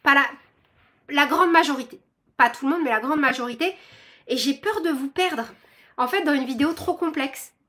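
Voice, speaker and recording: Woman, young adult, high voice, chatty rambling vlog host. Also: moderate pace, pauses often, pushed and bright. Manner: bubbly, self-described chatterbox, lots of fillers. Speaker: crochet channel host. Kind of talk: chatty vlog talk to viewers.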